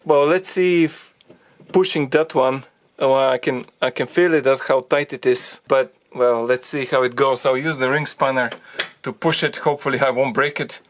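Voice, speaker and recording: A man explaining a car repair as he works on it, thinking aloud in halting phrases and getting out of breath from the effort. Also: medium pitch, fairly even intonation. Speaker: DIY car repair presenter. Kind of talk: hands-on repair tutorial.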